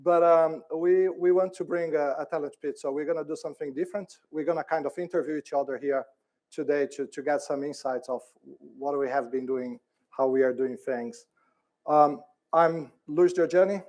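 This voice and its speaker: A middle-aged man from Brazil speaks on a conference panel in a mellow, soft-edged voice. He talks haltingly, often restarting and repeating words, and laughs easily. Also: fairly high pitch. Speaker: department head on a panel.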